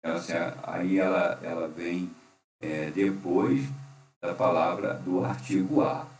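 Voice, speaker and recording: A deep-voiced man speaks slowly while teaching a grammar lesson, patiently repeating himself and often checking in with the listener by asking "certo?". The room is echoey, with a faint hum.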